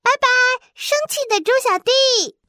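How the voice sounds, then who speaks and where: Tiny sweet critter, very squeaky and bright, eager and delighted. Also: female voice, measured pace, dry recording, studio quality, heavily acted. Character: tiny cheerful fish and bunny, sweet and eager.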